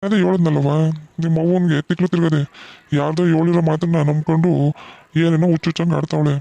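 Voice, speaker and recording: Man playing a reassuring village dad in a cartoon, fast, gravelly, dark-toned, flat delivery. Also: a little high, no echo. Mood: comforting. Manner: soothing, reassuring. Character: gentle middle-aged village father, reassuring. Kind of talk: cartoon voice acting.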